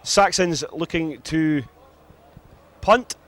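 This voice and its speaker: A man's voice: fairly high pitch, drawn-out words, fairly bright tone. A man with a broad Scottish accent giving live American football commentary in a chatty, explanatory way. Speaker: sports commentator, former player.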